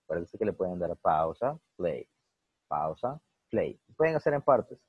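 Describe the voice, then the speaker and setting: A man teaches English in a lively bilingual lesson and drills example words slowly. His voice sits low and husky. The sound is dry and a little muffled. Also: no room sound.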